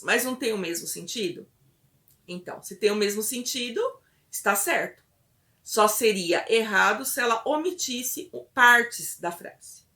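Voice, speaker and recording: A woman instructor patiently explaining a test step by step, often pausing to check in with her listeners. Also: mid-range voice, bright, forceful tone.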